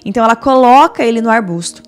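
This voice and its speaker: A woman preacher giving a morning devotional sermon, emphatic, with quick asides and slow, stressed phrases. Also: a little high, animated, faint music behind.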